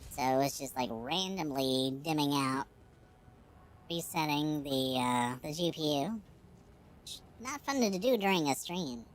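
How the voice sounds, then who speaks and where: A man's voice: expressive, measured pace, slight background noise. Man with a chipmunk voice filter. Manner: rambling, with many fillers. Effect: high-pitched chipmunk voice filter. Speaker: streamer. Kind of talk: casual live-stream chat.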